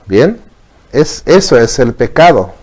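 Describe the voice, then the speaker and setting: Man, religious lesson, patient explaining, checks in with listeners, medium pitch. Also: very animated, takes it slowly, darkish tone. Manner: explains patiently, asks "¿bien?" often. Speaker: teacher. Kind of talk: religious teaching.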